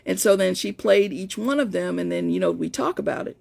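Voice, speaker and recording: A woman of about fifty, working as a life coach, tells a chatty personal story to live-stream viewers with many restarts. Her lowish, not very feminine voice is brisk and a little mellow, with vocal fry.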